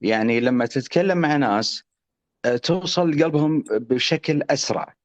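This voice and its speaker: A middle-aged man with a Saudi accent calling in, hesitant, switching into slow English. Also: medium pitch, animated. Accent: Saudi Arabic. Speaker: caller. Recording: muffled call audio.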